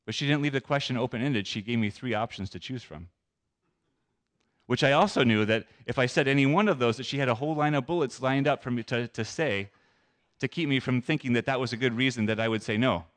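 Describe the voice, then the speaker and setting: A man's voice: medium pitch, brisk. A man giving a personal testimony in a conversational, earnest and self-deprecating way.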